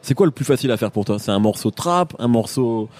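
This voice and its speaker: Quick-talking male interviewer, mellow voice. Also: mid-range voice, lively intonation. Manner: long winding questions with fillers. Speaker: interviewer, music journalist. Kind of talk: casual interview chat.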